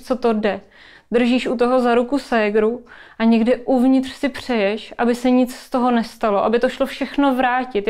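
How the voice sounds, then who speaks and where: A woman calmly leading a guided imagery exercise in a webinar, speaking softly and narrating a scene. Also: on the high side, smooth. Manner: soft, calm, storytelling.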